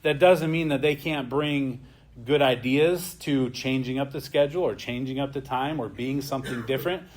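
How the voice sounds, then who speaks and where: Man teaching a relaxed church lesson. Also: mid-range voice, normal speed. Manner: conversational, often adds a questioning "right?". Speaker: adult Bible class teacher.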